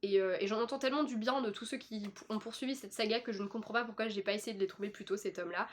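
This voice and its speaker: A woman's voice: medium pitch, fairly even intonation, very fast, a little hiss or hum. A young woman with a French accent chatting casually about her new books, with plenty of fillers and restarts. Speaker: book vlogger. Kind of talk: casual chat.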